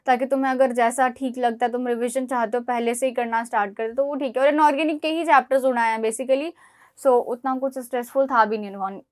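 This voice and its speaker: A young woman from India giving direct, scolding yet encouraging study advice to exam students. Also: high-pitched. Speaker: exam prep mentor.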